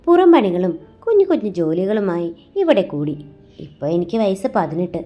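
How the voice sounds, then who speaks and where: A woman voicing a shy eighteen-year-old orphan girl who talks softly and wistfully about her secret love. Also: mid-range voice, very animated, moderate pace, faint music behind. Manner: soft, wistful, confiding.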